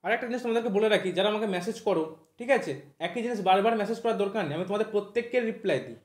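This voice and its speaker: Guy teaching english words really fast, spells them out slow, echoey room. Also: high voice. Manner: repeats "thik ache?" after nearly every point, spells words out slowly. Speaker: English teacher for exam preparation. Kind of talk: online vocabulary lesson.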